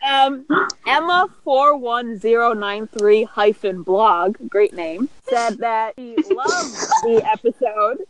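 A woman's voice: a little high, animated, takes it slowly, rough recording. A woman co-hosting a podcast in casual chat, teasing and giggling as she reads listener comments. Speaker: podcast co-host.

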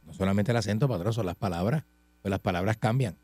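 A man's voice: lowish voice, fast talker, dark tone, no echo. A man as the sidekick on a talk radio show, deferential and easygoing as he argues with his boss. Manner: deferential, says "patrón", laughs a lot. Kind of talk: comedic talk radio banter.

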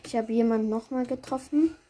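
A woman with a fairly high voice commentates her own video game play in a casual way. She reacts aloud in short bursts as she plays. Noise and keyboard clicking sit behind her voice. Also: brisk, mellow. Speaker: gamer commentating own gameplay. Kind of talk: casual live gameplay commentary.

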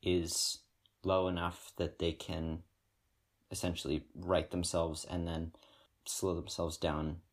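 A woman with an unusually deep, husky voice talks casually on a podcast. She explains things in a dry, matter-of-fact way, with a low, grainy tone. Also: level tone, slow pace. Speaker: podcast co-host. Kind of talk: casual chat.

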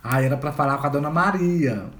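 A man co-hosting a casual podcast, an animated storyteller who laughs often. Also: a little high, brisk. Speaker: podcast co-host. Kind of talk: casual chat. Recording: echoey room, faint noise.

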